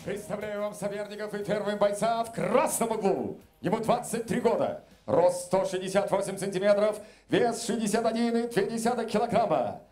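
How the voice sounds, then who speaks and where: Male ring announcer, high voice, grand ringmaster delivery with drawn-out introductions. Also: darkish tone, soft background music. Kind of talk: formal fight announcing. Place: indoor MMA cage in an arena. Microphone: handheld microphone.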